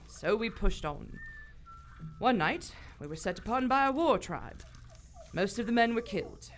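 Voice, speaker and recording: In a live stage recording of radio theater with faint noise, a woman plays a poised, wry aristocratic British explorer, dry and commanding. Her fairly high voice is animated but unhurried, and the mood is sombre and reflective.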